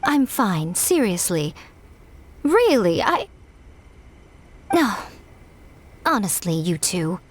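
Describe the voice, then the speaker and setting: A woman voicing a sly, teasing, regal shrine maiden in a video game, coy, playful and unhurried. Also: medium pitch, very animated. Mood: evasive. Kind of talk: English game voice acting. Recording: loud music behind the voice. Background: game background music.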